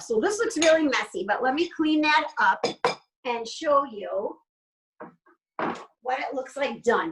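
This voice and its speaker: A woman's voice: on the high side, far from the mic, poor audio. Chatty woman demoing a recipe. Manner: chatty, explains as she goes. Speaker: cooking class host. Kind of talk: casual cooking demonstration.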